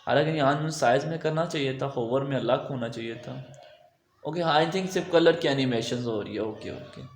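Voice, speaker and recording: A man giving a relaxed, thinking-aloud screen-recorded software tutorial, full of okays and fillers. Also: medium pitch, moderate pace, roomy sound. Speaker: web design tutor.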